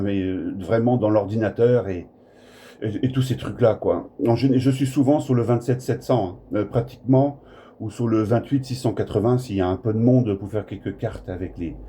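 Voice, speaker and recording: Recorded on a smartphone in the room, a man from Brittany chats on the radio as an operator, blunt and colloquial as he rambles. His voice is fairly low and dark-toned, and the recording is clear apart from faint background noise.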